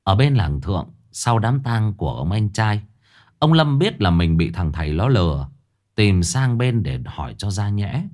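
A man narrating a spooky folk tale in an expressive, lively way. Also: fairly low pitch, unhurried. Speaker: storyteller.

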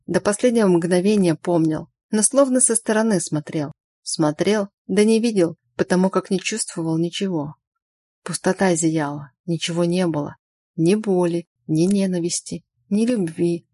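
Even, measured woman audiobook reader; low register, dry close recording. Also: no room sound. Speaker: audiobook narrator. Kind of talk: audiobook narration.

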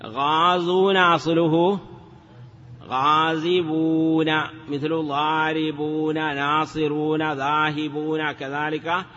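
The speaker is a man with a fairly high, steady, sharp voice who talks a little slowly. He is teaching Arabic morphology in a classroom lesson, chanting word forms and putting rhetorical questions. The audio is dull and lo-fi, with lengthy reverb.

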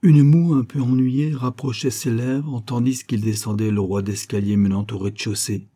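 A man narrating a novel in a measured, even reading. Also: mid-range voice. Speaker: audiobook narrator. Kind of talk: literary audiobook narration.

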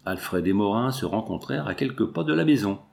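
Male narrator, lowish voice, measured, classic novel reading. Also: lively intonation, gravelly, darkish tone. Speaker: audiobook narrator.

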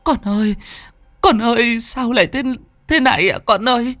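A man's voice: moderate pace, fairly bright tone, dry recording, soft background music. A man doing a wailing village grandmother. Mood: wailing grief. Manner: sobbing high lament. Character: wailing grieving village grandmother, mother of the drowned boy.

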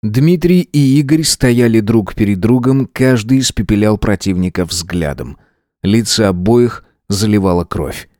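A man's voice: fairly low pitch, measured pace, a little mellow, dry recording. Man narrating an audiobook, dry. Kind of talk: scripted narration.

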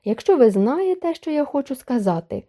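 A woman voicing a poor but proud young maid who speaks quietly and politely. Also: sits high, sing-song, normal speed, pitched above the performer's own voice. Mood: earnest.

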